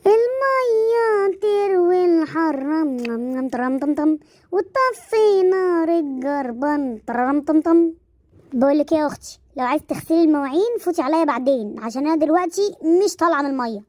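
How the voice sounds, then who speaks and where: A woman's voice: high voice, racing, hardly any pauses, darkish tone, dry recording, studio quality, natural voice. A woman voicing a lazy young female pet in an Egyptian accent, singsong and complaining, in a comic animal dub. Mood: fussy. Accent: Egyptian Arabic.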